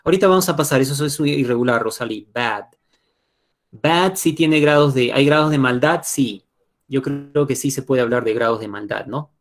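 A man's voice: medium pitch, normal speed. A man with a Peruvian Spanish accent teaching an online class. He explains patiently and keeps checking in with his students. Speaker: English teacher.

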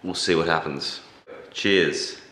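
Low-voiced young man, roomy vlog, sore jaw. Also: moderate pace, a bit bright. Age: young adult. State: sore, swollen jaw after wisdom teeth removal. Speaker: vlogger. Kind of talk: casual rambling vlog chat. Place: at home, mostly living room and kitchen. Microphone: camera at arm's length. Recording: roomy handheld camera sound, faint noise.

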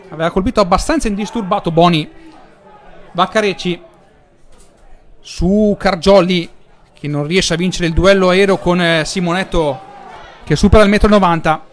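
A man with an Italian accent giving live football commentary, rising into excitement when chances come. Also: high voice, a little hiss or hum.

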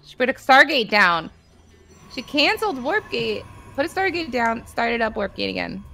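A woman's voice: on the high side, big pitch swings, normal speed, vocal fry, pushed and bright, soft background music. A woman co-casting a live strategy game match, playful and teasing with her partner. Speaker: esports caster.

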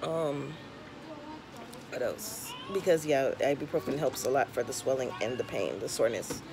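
A woman's voice: rumbling low, moderate pace. Lisping young woman vlogger over background noise. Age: young adult. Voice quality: slight lisp from tongue piercing. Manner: frank, conversational advice-giving. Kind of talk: casual vlog chat. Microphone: camera or phone at arm's length. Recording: clear background noise, home camera recording.

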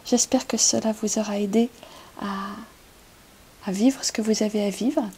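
A woman giving a tarot reading to her viewers, speaking gently and unhurriedly with many pauses. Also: mid-range voice, fairly even intonation, slightly rough, poor audio. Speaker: tarot card reader.

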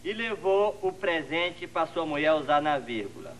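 A man's voice: fairly high pitch, animated, moderate pace, crowd noise. An actor playing a cheeky, lazy male office assistant in a slapstick TV comedy sketch, with mock-naive misreadings and playful wordplay.

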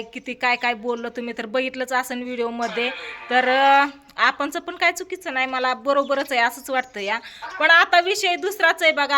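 A middle-aged woman, chatting lively and directly to her viewers in a family vlog. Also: high voice, slight background noise. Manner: lively, talks straight to viewers. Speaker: vlogger.

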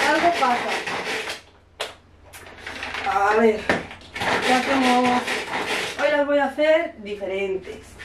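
A woman's voice: fairly high pitch, background noise. A woman from Spain in her thirties, a mother vlogging casually at home, telling a story and acting out the dialogue, with a cough from a cold. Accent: Spanish from Spain. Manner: chatty storytelling, acts out the dialogue. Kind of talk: casual chat to camera. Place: home kitchen.

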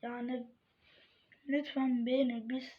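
A woman chatting casually to viewers in an ASMR-like style, softly murmuring and often dropping close to a whisper. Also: a little high, little pitch movement, unhurried. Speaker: video creator talking to viewers. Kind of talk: casual vlog chat while playing with slime, ASMR-like. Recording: dull lo-fi home recording, faint noise, clicking.

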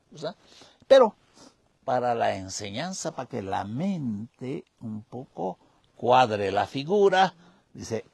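A man, a spiritual guide telling a parable slowly, with long pauses. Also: medium pitch, vocal fry, darkish tone, breathy edge, no echo. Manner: slow, drawn-out storytelling with pauses.

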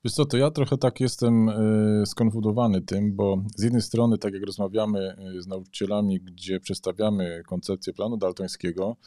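Man, low mellow voice, hesitant and wordy, dry studio sound. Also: steady tone, moderate pace, few pauses, no room sound. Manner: searching for words, hesitant, many "y" fillers. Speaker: podcast co-host. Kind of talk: conversational podcast discussion.

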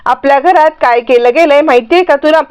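Woman voicing a middle-aged husband, puzzled, bantering, high-pitched, serial recap. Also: a little fast, darkish tone, close to an everyday voice. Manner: questioning, bantering.

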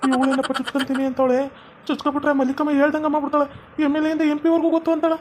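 A woman's voice: high voice, flat delivery, racing, background noise, natural voice. A woman playing a broke young village husband who whines and pleads, with a North Karnataka Kannada accent. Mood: pleading. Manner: whiny pleading.

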